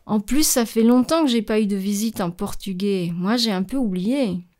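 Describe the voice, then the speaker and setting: A woman's voice: medium pitch, moderate pace, darkish tone, close to an everyday voice. A woman playing a practical working mother who reluctantly agrees to a favor, in a scripted French lesson dialogue. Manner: reluctant, firm. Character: practical working mother, firm but kind.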